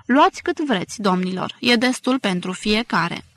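A woman's voice: medium pitch, animated, a bit bright. A woman reading the lines of a proud, chatty male innkeeper who likes to stir up talk, in an eager, slightly raised voice.

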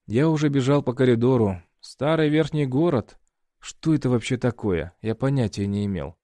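A man narrating an audiobook in first person, reading in a steady storytelling way. His voice sits at an ordinary middle pitch. The recording is dry, with no room sound. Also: normal speed, no room sound.

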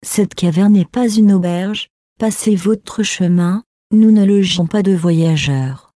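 A woman's voice: medium pitch, slow, dark tone, no echo, lightly acted. A woman reading the part of a grieving desert mother, in an earnest, declamatory way. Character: grieving desert mother, proud then softening.

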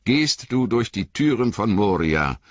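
A man voicing a grave, earnest male ranger who speaks in a measured, solemn way. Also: fairly low pitch, very animated, no echo, lo-fi sound, voice pushed up.

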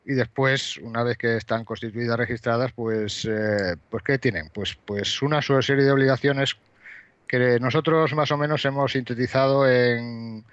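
A man, an advisor guest on a radio chat, calm and agreeable, explaining step by step. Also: mid-range voice, normal speed, smooth, dry recording. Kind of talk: casual radio interview. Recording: dry, dull lo-fi sound.

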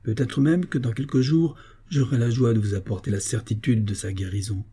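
A man reading the part of a kind, discreet young man who speaks in a gentle, reassuring way. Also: mid-range voice, fairly even intonation, a little fast, husky, natural voice.

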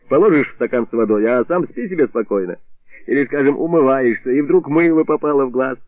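A man's voice: mid-range voice, no room sound, close to an everyday voice. A man voicing a drunk doctor who rambles on in mock reasoning, over tinny radio sound. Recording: tinny narrowband radio, dry.

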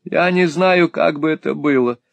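A man voicing a sulky, jealous young woman, shrill, petulant and tearful, in a storybook reading. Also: normal speed, creaky, dry recording.

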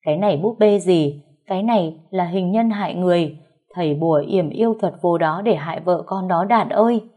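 A woman voicing a hot-tempered older mother-in-law who scolds loudly. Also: lowish voice, fairly quick, lo-fi sound, natural voice. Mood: furious. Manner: loud, scolding, harsh.

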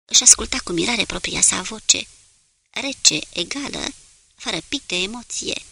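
Woman reading a novel out loud, steady pace, bright kinda crisp tone, some vocal fry. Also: mid-range voice, no echo. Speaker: audiobook narrator. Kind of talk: scripted narration of a novel.

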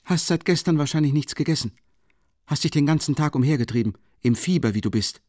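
A man's voice: fairly high pitch, a little fast, a little mellow, no echo, studio quality, voice pushed up, close to an everyday voice. A man voicing a young peasant maid in an audiobook, blunt and stern, speaking plainly and decidedly. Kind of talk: audiobook character voice.

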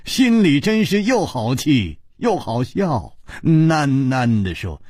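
Slow, lively male storyteller, husky. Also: medium pitch, no room sound, studio quality. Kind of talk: traditional Chinese storytelling broadcast.

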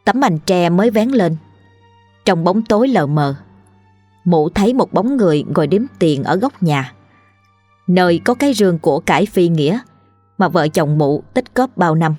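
Woman narrating a ghost story, low voice. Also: animated, moderate pace, darkish tone, no room sound, soft background music.

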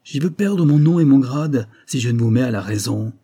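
A man's voice: mid-range voice, normal speed, warm tone, breathy edge, close to an everyday voice. A man voicing an ardent young male lieutenant who pleads eagerly and turns furious. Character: ardent young male lieutenant, smooth-talking then violent. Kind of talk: audiobook character voice.

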